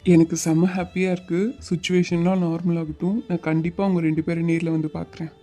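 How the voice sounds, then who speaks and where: A woman voicing a gentle young man in love, soft and coaxing, in an animated web series. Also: fairly low pitch, fast talker, faint music behind, natural voice.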